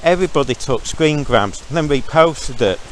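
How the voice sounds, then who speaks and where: A man's voice: on the high side, animated, moderate pace, slight background noise. Ranting man in his forties outdoors. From Zambia. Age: 40s. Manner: ranting, sarcastic, opinionated. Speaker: vlogger. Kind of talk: rambling opinion monologue. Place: outdoors, walking past a stream.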